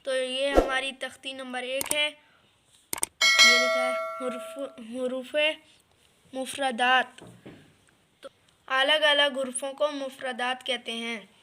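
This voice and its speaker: Slow, bright-voiced woman teaching recitation. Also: high-pitched, flat delivery, a little hiss or hum. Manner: patient, repeats each letter and explains pronunciation. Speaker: Quran reading teacher. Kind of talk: slow step-by-step recitation lesson.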